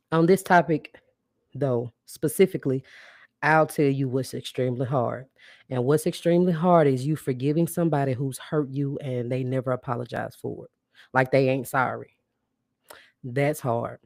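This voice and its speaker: A woman's voice: a bass voice, a little mellow, no room sound, clean studio sound. A woman hosting a live podcast, talking bluntly and casually straight to her listeners and calling them sis and baby. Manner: greets viewers and asks them to interact. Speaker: podcast host. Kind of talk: live-streamed podcast monologue.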